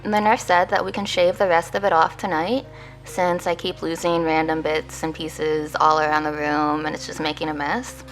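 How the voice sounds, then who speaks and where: A woman's voice: sits low, little pitch movement, normal speed, soft background music, poor audio. A woman who is a patient, talking casually to viewers in a personal video diary. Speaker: patient vlogger.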